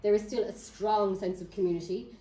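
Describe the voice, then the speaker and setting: A woman's voice: mid-range voice, brisk, warm tone, far from the mic. A woman with a County Cork Irish accent gives an informal local history talk, telling stories with wry humour. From Ireland. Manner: wry, lightly humorous. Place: echoey indoor room before an audience. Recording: echoey room, picked up from afar.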